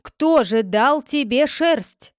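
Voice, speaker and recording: A stern storybook judge fires insistent questions at a courtroom, as a woman reads him aloud. The voice sits on the high side and the sound is dry and close. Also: lively intonation, slow pace, no echo. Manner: interrogating, insistent. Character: stern male village judge, questioning sharply.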